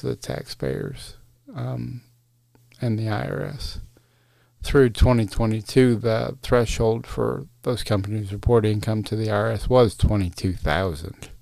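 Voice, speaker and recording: A man's voice: fairly low pitch, creaky, darkish tone, no room sound, studio quality. A man hosting a solo podcast, chatting casually with lots of uhs and restarts. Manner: casual, many fillers and restarts. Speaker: podcast host.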